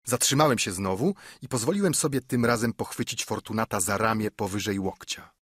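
Male audiobook narrator, husky and low, dry close recording. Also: a little fast, no room sound. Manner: steady storytelling, lifting pitch for quoted dialogue. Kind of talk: scripted narration.

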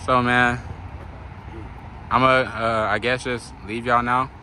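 A man's voice: mid-range voice, little pitch movement, takes it slowly, pushed and bright. A young man hosting a challenge vlog outdoors in a loose, slangy, informal way. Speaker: challenge host. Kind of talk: casual vlog presenting. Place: outdoor parking lot. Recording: noisy outdoor car park, traffic ambience.

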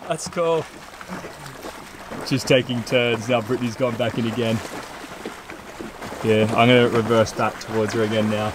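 A young man skippering a sailboat at sea, chatting casually, swearing and excitable, recorded on an action camera outdoors. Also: mid-range voice. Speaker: sailing vlogger, skipper. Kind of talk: casual vlog chat. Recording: wind and sea noise. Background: wind and water.

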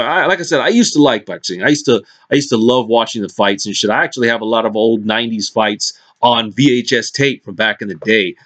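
A man's voice: on the low side, fairly bright tone. A man vlogging in a brash, mocking, profane rant, swearing constantly and now and then dropping into lazy, mumbled asides.

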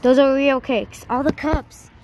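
Woman vlogger with a high voice, casual walk-and-talk, keeps exclaiming in disbelief; phone mic with clear outdoor noise. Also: steady tone, measured pace, a little mellow, rough recording. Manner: astonished exclamations, repeats herself. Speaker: vlogger exploring abandoned buildings. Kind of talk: casual walkthrough narration. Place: outdoors by a roadside and inside an empty shop. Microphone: phone camera held while walking.

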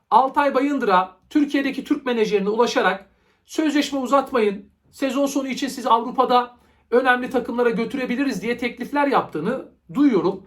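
Male football show host, high voice, explanatory and opinionated, delivering transfer news to viewers. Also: fairly bright tone. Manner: explanatory, opinionated, uses rhetorical questions.

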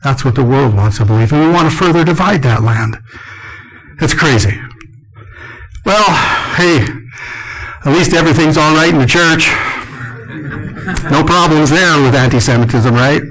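Older male conference speaker, slightly high voice, lively storyteller who acts out the lines of the people he quotes. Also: moderate pace, pauses often, rough recording. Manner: animated storyteller, acting out quotes.

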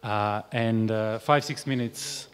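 Chairing a panel in a large hall, a man in his forties speaks hesitantly into a table mic on a stand, full of fillers and restarts. His voice is on the low side, steady and slow, with slight background noise and reverberant hall sound.

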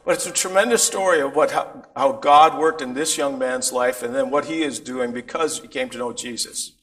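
A man's voice: mid-range voice, normal speed, a bit bright. An older man giving informal church announcements from a pulpit in a sanctuary, with frequent restarts. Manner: informal, rambling, many restarts. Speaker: pastor.

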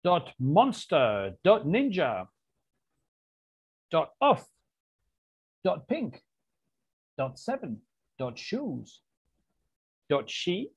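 A man hosting an online quiz social over a video call, casually reading out the answer options with a playful, deadpan humor. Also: a little high, very slow, pauses often, husky. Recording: tinny phone-like line.

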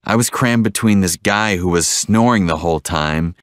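Deep-voiced guy reading lesson dialogue lines slow and clear, dry close sound. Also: dry recording. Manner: slow, clear repetition of each line.

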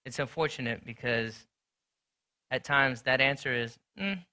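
A man preaching a sermon in a conversational, storytelling way, swinging between loud and hushed delivery. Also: mid-range voice, steady tone, a little slow, clean tone. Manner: conversational, storytelling with sports talk. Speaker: pastor.

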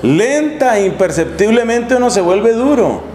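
High-voiced friar preaching. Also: male voice, moderate pace. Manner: lively storytelling, acts out scenes with humor. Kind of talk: sermon. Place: chapel in a monastery. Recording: echoey room, faint hum.

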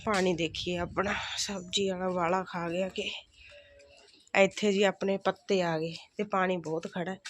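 A woman's voice: fairly low pitch, fairly even intonation, moderate pace, soft background music. A middle-aged woman with a rural Malwai Punjabi accent, chatting casually and homely to viewers in a daily village vlog. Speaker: family vlogger. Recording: faint background noise, home vlog recording.

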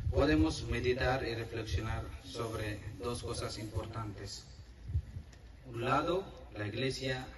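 A man speaking as a priest to his congregation at an outdoor service, in simple, halting phrases with pauses. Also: medium pitch. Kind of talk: liturgical address to a congregation. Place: open grassy field, outdoors. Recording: echoey outdoor PA, distant, heavy noise.

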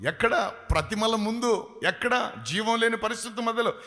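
A man preaching a sermon and leading prayer, fervent, at times shouting and half-singing his phrases. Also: very high-pitched, normal speed. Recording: long hall reverb.

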